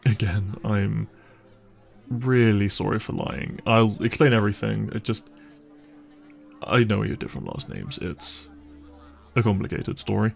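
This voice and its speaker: In an audio roleplay, a man plays a wealthy young boyfriend who speaks softly and intimately in a lowish voice with noticeable vocal fry, music faint behind him. He sounds caring, gentle, hesitant, apologetic and reassuring, with an expressive, exaggerated voice at a measured pace.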